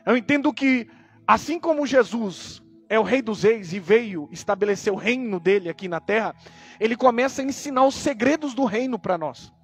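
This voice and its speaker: High-voiced, husky Brazilian preacher. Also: male voice, moderate pace, soft background music. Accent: Brazilian Portuguese. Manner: emphatic preaching with repeated rhetorical questions. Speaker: pastor. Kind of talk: sermon with opening prayer.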